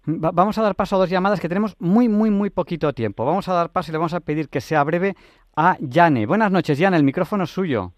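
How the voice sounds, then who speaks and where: Brief: rushed call-in host, a touch high-pitched, dry studio sound. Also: male voice, no room sound. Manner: hurried, stammering, pressed for time. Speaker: radio host. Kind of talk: live call-in radio hosting.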